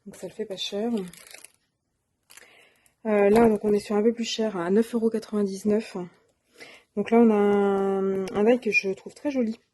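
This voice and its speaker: A woman's voice: mid-range voice, flat delivery, moderate pace, pauses often, darkish tone. A woman presenting her shopping haul of craft supplies in a casual, hesitant way, with many fillers and self-corrections. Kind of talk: casual show-and-tell.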